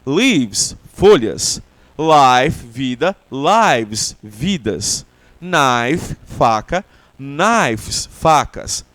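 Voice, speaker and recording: A Brazilian man with a Brazilian Portuguese accent, an English teacher giving a language lesson and explaining slowly with repeated example words. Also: medium pitch, big pitch swings, fairly bright tone, no echo.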